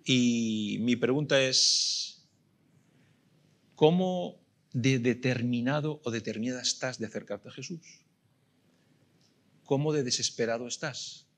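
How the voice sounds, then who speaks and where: A middle-aged pastor with a Spanish accent from Spain preaches a sermon in a mid-range, slightly bright voice. He's emphatic, filling his delivery with rhetorical questions that he repeats for weight.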